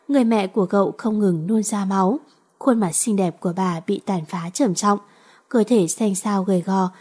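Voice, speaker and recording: A woman narrating a romance novel in a steady, even storytelling manner. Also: medium pitch, slightly rough. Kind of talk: audiobook reading of a romance novel.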